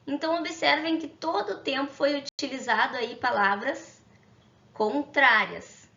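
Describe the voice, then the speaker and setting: Teacher lady walking a class through examples, a bit high, echoey dull room sound. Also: a little slow, gravelly, pushed and bright. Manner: friendly, explains with examples and rhetorical questions. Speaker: Portuguese teacher. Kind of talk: online grammar lesson.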